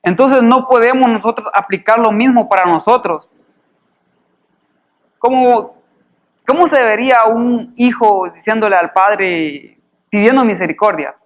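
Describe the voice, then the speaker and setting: A man preaching a sermon in a church, reading scripture aloud and explaining it in an easygoing way, often pausing on filler words. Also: high-pitched. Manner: conversational, fills pauses with "este" and repeats "dice" while reading.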